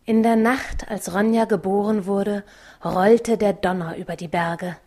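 Slow, measured woman storyteller. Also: mid-range voice, steady tone, darkish tone. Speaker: narrator. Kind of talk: audiobook reading.

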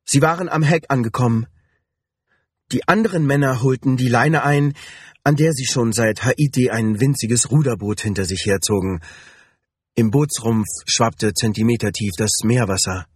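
A man narrating an audiobook in a steady, even reading voice. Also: mid-range voice, moderate pace, slightly rough, no echo, studio quality.

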